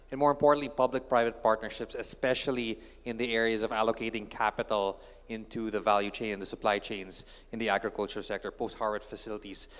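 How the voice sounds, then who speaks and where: A man with a Filipino accent reads a formal speaker introduction at a steady pace, in an ordinary mid-range voice. The sound carries long reverb from a large conference hall. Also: mid-range voice. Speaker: conference moderator.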